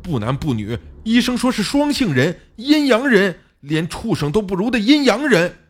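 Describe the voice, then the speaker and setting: A man's voice: on the high side, animated, normal speed, darkish tone, husky, voice pushed up. A man voicing a distraught young father who sobs, stammers and gasps for breath. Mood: angry.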